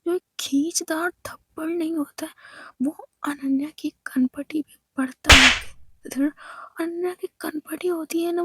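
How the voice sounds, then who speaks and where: A woman narrating a love story in a hushed, mostly whispered voice. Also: sits high, no room sound, low-quality recording.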